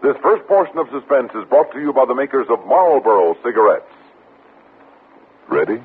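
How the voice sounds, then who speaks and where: A man speaking as an old radio announcer, delivering scripted introductions and sponsor copy in a theatrical, measured way. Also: mid-range voice, animated, slightly rough, narrow, tinny audio. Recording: old band-limited radio recording with music.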